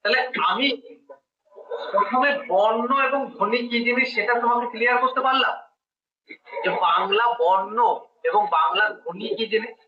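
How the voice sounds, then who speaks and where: A man's voice: sits high, moderate pace, pauses often. A man teaching Bengali grammar one-on-one, explaining step by step and quizzing his student. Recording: dull echoey room, mic at a distance.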